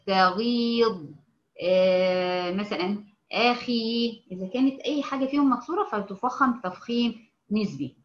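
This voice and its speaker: A woman with an Egyptian Arabic accent teaching a tajweed lesson, explaining slowly, checking often that her students follow, and drawing out each example word. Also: medium pitch, fairly bright tone, roomy sound, lo-fi sound. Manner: stretches out example words when reciting them. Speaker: Quran recitation teacher.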